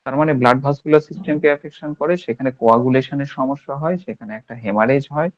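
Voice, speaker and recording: A man's voice: mid-range voice, fast. Indian man lecturing on homeopathy, lo-fi audio. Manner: emphatic, acts out patients' complaints in quoted voices. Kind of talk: lecture on remedies.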